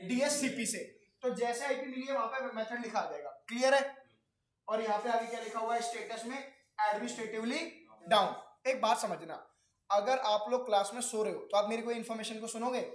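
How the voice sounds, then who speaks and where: A man's voice: extremely high pitch, brisk, roomy sound. A man teaching a networking class, explaining step by step and often quizzing his students with questions. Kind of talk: classroom lecture.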